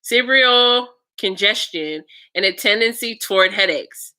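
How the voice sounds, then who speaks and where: Bright-voiced young woman vlogging frankly. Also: medium pitch, expressive, measured pace. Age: young adult. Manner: chatty, laughs often, frank and profane. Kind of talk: casual storytelling vlog.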